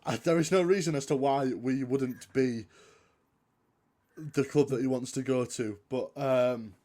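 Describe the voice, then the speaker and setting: A man's voice: mid-range voice, measured pace, mellow. Guy co-hosting a footy podcast, dry jokey self-mocking humour. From Yorkshire, England. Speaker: podcast co-host. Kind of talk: casual football chat.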